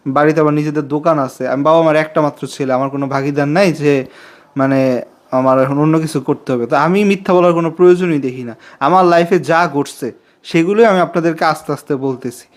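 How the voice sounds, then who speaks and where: Chatty young man pleading for subscribers. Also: fairly high pitch. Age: 20s. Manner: chatty and confiding, repeats himself, pleads for subscribers. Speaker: vlogger. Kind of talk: casual talking-to-camera vlog.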